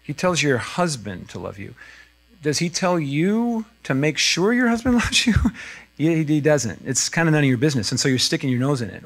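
A male pastor delivers a sermon in a relaxed, talky way, often chuckling and restarting his sentences. His voice sits at an ordinary middle pitch for a man. He sounds like he is talking with his congregation rather than at it. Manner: conversational, chuckling, frequent fillers and restarts. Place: church sanctuary.

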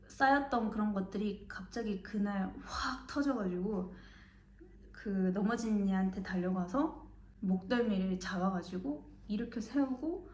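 A woman's voice: mid-range voice, a little mellow. A young woman from Mokpo, South Korea, telling a story in a casual vlog and acting out the people she quotes. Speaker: vlogger. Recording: echoey room.

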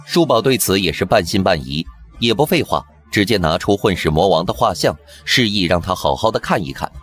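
A man narrating a TV drama recap in brisk scripted storytelling. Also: deep voice, animated, fairly bright tone. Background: background music.

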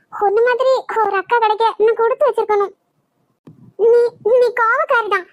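A woman's voice: very high voice, a bit bright, no echo. A woman voicing a loyal younger sister comforting her sibling, with a Kanyakumari Tamil accent. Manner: pleading, comforting.

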